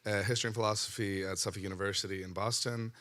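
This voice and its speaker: A man's voice: on the low side, fairly even intonation, quick pace, sharp tone. A young man introducing himself as a student panelist, heard at some distance from the mic. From United States. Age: young adult.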